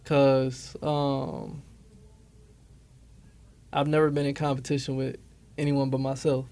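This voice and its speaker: Gravelly young man, flat easygoing talk. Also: mid-range voice, takes it slowly. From Milwaukee, USA. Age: 20s. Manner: laid-back, often tags lines with "you know what I'm saying". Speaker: barber, interview guest. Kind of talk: casual interview chat.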